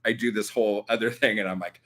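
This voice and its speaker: This young man from Southern California, accent and all, answers viewer questions on his vlog at a quick pace. His lowish voice stays steady and a bit bright while he rambles with lots of ums, likes and the occasional curse.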